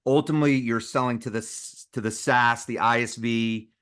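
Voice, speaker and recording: A man hosting a business interview show, asking questions in an energetic way with quick asides. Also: mid-range voice, clean tone. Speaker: podcast host.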